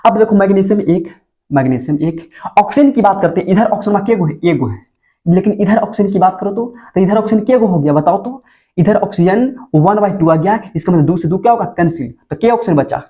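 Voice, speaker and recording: A man's voice: sits high, lively intonation, a little fast, mellow. A male teacher, giving a chemistry lesson for board exam students. He keeps putting questions to the class and answering them himself. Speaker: school teacher.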